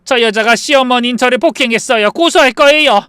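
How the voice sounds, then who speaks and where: A man's voice: on the high side, brisk, a bit bright, smooth, dry recording, lightly acted. A man voicing a drunk, furious older woman who screams insults at her daughter-in-law. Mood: enraged. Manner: shrieking, slurring insults.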